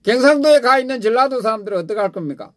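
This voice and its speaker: A man's voice: very high voice, lively intonation, very fast, dry recording, studio quality. A male host of a call-in show, cutting in with questions for a caller. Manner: interjecting questions.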